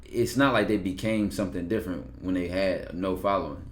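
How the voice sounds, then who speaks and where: Speaking in a low voice and moving briskly, this streamer fields call-ins during a live broadcast. He keeps the chat casual, talking bluntly and loosely while swearing and tossing out rhetorical questions.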